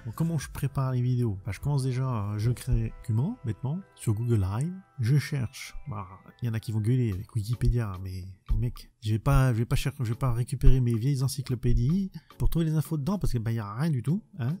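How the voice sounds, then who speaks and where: A man's voice: medium pitch, fairly quick, few pauses, warm tone, faint music behind. A man chatting bluntly in a casual vlog, rambling and restarting as he answers viewer questions. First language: French.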